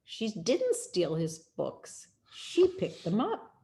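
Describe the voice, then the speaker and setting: A storyteller and rabbi, a woman with a medium-pitched voice, reads a children's picture book aloud. Her delivery is expressive and deliberate, full of dramatic pauses.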